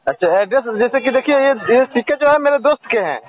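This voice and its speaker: There's a crowd in the background as a young man with a very high, expressive voice talks at a quick pace on the phone. He's a hesitant caller trying to sell an old coin, full of questions, and the audio is tinny and dry.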